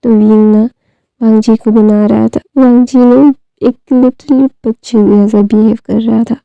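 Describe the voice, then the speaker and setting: A woman's voice: a little high, steady tone, unhurried, creaky, clear, resonant tone, dry recording. A woman casually retelling a story, hesitant, with many fillers and restarts. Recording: dull lo-fi dry recording.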